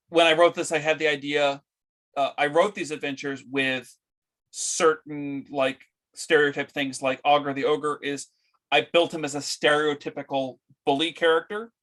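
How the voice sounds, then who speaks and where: Guy explaining his tabletop adventure, kinda high voice, keeps restarting. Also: fairly bright tone. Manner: halting, many restarts. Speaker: game master. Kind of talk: casual discussion.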